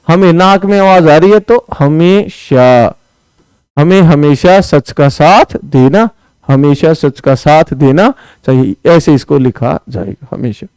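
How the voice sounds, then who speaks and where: A man's voice: on the high side, a little mellow, smooth, dry recording, rough recording. A male teacher going through spelling questions for an exam, blunt and chiding, often calling his students "brother". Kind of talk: exam-prep spelling lesson.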